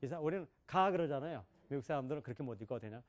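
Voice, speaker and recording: A man's voice: mid-range voice, rapid-fire, warm tone. A middle-aged man giving a classroom lecture on English pronunciation, questioning his listeners and demonstrating sounds.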